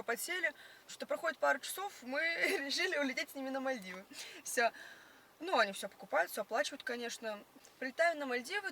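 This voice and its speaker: A young woman with a bright, crisp-edged voice chats casually. She tells her stories in slang, packed with filler words. The recording is made in a car, with light background noise. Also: sits high. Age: young adult. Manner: slangy, filler-heavy storytelling. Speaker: passenger being interviewed. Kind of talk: casual chat, storytelling. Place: inside a car.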